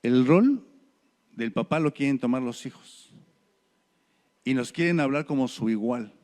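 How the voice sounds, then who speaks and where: A middle-aged man with a Mexican Spanish accent preaches a sermon in church, speaking a little slowly. He tells stories and swings his pitch and loudness as he goes.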